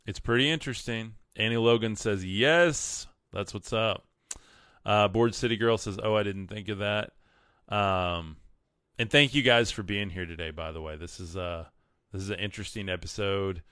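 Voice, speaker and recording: Deep-voiced man with a West Texas twang. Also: moderate pace, a bit bright, smooth, no echo, clean studio sound. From West Texas, United States. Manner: earnest, emphatic, repeats words for emphasis. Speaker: livestream host. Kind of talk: casual livestream monologue with read-out comments and quotes.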